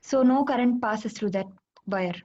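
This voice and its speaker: A woman's voice: on the high side, normal speed, darkish tone. A woman giving short answers as a student in a live lesson. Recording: dull, echoey, slightly noisy audio.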